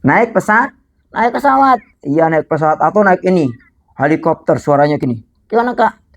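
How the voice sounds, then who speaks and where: A woman's voice: fairly low pitch, animated, moderate pace. A young woman telling a story to a group of children, asking them questions and making animal sounds.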